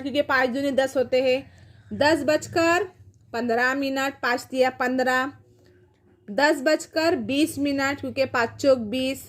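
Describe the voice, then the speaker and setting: High-voiced woman teaching clock times. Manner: patient, asks and answers her own questions. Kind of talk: classroom math lesson.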